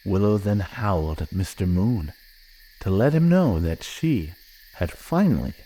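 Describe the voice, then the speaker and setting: A man gently reading a children's storybook aloud in an expressive way. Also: low-pitched, measured pace, breathy edge. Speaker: narrator.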